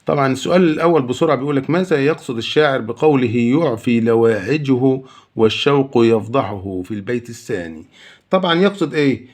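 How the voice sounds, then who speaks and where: A man with an Egyptian accent working through exam questions as a teacher, asking and answering his own questions. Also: a little high. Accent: Egyptian Arabic. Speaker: Arabic teacher. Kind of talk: exam answer walkthrough lesson.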